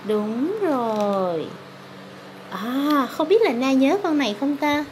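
A woman's voice: sits high, expressive, moderate pace. A woman with a southern Vietnamese accent, a mother reading a picture book to her toddler, prompting with questions and encouraging. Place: hard-tiled room at home. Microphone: handheld phone camera. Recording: noisy handheld home phone video.

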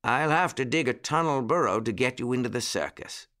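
A man voicing an elderly, cheerful rabbit gentleman in a storybook who speaks eagerly and keeps exclaiming. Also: mid-range voice, a little fast. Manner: excitable, exclaiming.

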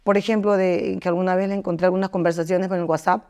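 Middle-aged woman, lively storyteller. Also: fast talker. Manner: lively storyteller, jumps into high voices to act out quotes, many fillers. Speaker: singer-songwriter. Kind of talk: candid interview conversation.

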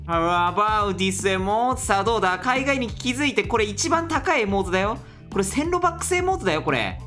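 A young woman with a Kansai accent giving chatty, animated let's play commentary while talking to her viewers. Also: medium pitch. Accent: Kansai Japanese. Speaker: gaming YouTuber.

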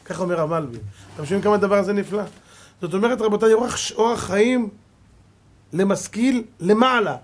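A male rabbi giving a Torah lesson, preaching emphatically and swinging between loud and soft as he tells stories. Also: sits high, a little hiss or hum. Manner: storytelling with acted quotes.

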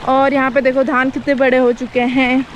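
Walking through farm fields, a young woman vlogs on her phone camera, chatting casually to viewers and pointing out the crops. Her voice sits high and level at a moderate pace, with a little hiss or hum in the recording.

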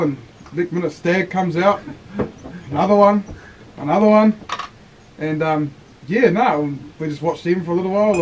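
A man's voice: on the high side, darkish tone, far from the mic. A man, telling stories casually to mates in a small hut. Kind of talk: casual storytelling among mates. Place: small hunting hut, indoors. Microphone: camera across the room. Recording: noisy camera audio, off mic.

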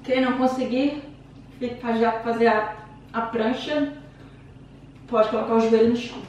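A woman's voice: on the high side, fairly even intonation, moderate pace, darkish tone. A woman with a Brazilian Portuguese accent coaching a home workout, chatty and encouraging, counting down reps while out of breath from exercising. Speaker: fitness instructor. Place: room at home. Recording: very echoey room, distant mic, faint noise.

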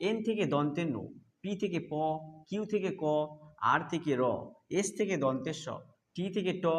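Man, high voice, patient phonics teacher, repeats each rule. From Bengal. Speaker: English teacher. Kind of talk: explaining a phonics lesson.

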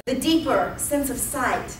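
Her voice sitting high, animated yet unhurried, a woman in her thirties preaches as pastor and tells the story with emphatic repetition. The church sanctuary recording comes from a distant pulpit mic, so it sounds roomy and off-mic, with slight background noise.

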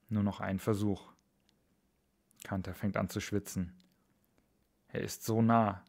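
A man with a low, gravelly voice reads a thriller aloud like an audiobook. His delivery is steady and measured, with a flat, even pitch that rarely rises or falls. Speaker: author reading his own novel. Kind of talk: audiobook-style thriller reading.

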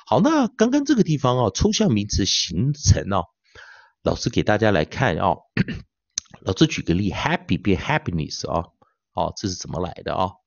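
Male teacher, online lecture, lively swooping intonation, lowish voice, slow stretched demo words, muffled dry recording. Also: gravelly, dry recording. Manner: drawls out demo words slowly and repeatedly; frequent drawn-out filler particles. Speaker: English pronunciation teacher. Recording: dull lo-fi dry sound.

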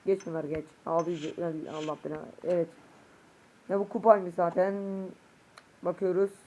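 A man gives casual gameplay commentary, excitable and prone to shouting at his players or muttering curses. He is a bit sick. There is steady noise in the background. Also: a little high, moderate pace. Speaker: gaming youtuber. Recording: noisy home recording.

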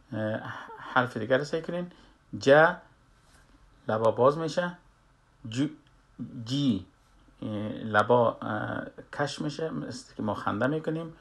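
Hesitant man teaching. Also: medium pitch. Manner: hesitant, many drawn-out fillers and pauses. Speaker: Quran recitation teacher. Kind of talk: slow spoken lesson with demonstrations.

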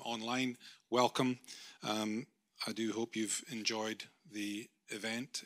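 A middle-aged university vice-chancellor, not from Australia, gives a formal vote of thanks in a lecture room, speaking into a handheld microphone with many ums and restarts. His voice is fairly low-pitched, pushed and bright.

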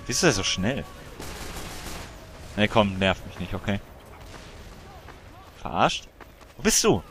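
Casting: male let's play host, lowish voice, lively swings, chatty banter, game music behind. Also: takes it slowly, background noise. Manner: excitable, chatty, bantering with other players. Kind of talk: casual gameplay commentary.

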